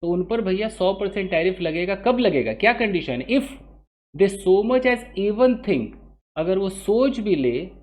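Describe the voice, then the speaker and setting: A man with an Indian accent teaching newspaper English in Hindi, asking questions and answering them himself, and reading English phrases slowly word by word. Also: high voice, expressive, darkish tone. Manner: explanatory, asks and answers own questions. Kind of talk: explaining newspaper grammar in Hindi.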